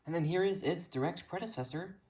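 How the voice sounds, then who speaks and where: The host, an American hobbyist, shows off his collection in a casual, eager, detail-heavy ramble. His mid-pitched voice has a darkish tone and a brisk pace.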